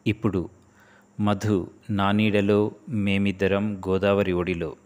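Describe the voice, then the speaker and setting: A man narrating an emotional first-person love story in a soft, heartfelt storytelling manner. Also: fairly low pitch, level tone, slow pace, clean tone. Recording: long reverb.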